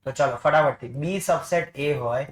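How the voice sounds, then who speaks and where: A man's voice: fairly high pitch, moderate pace, echoey room. A man teaching math to a class, coaxing students with repeated questions. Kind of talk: classroom lesson.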